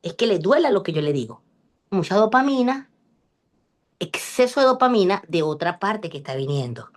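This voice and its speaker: A woman giving a lively, chatty online class over a video call and joking with her students. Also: mid-range voice, moderate pace. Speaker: class instructor. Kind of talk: online lecture.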